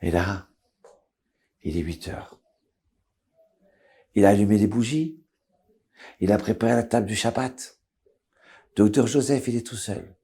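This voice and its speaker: A man, a rabbi, tells a story dramatically and drops to a hush at tense moments. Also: on the low side, unhurried, pauses often, breathy edge.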